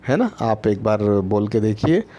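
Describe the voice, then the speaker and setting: A man's voice: fairly low pitch, big pitch swings, a little slow, warm tone. A man teaching first graders in an online lesson, patient and repetitive, often checking in with his listeners and drawing out letter sounds. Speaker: primary school teacher.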